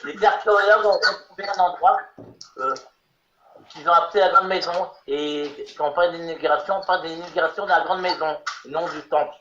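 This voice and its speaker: A man joining an online class over a video call, explaining facts in a steady, informative way. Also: a little high, fairly quick. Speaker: webinar participant. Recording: echoey, muffled call audio with faint noise.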